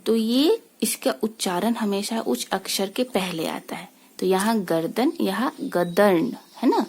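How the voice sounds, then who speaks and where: A woman teacher, slowly talking young children through a school exercise and asking them easy questions along the way. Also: mid-range voice, animated, a little mellow, breathy edge. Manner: slow, patient explaining with many rhetorical questions. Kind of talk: recorded lesson for young children.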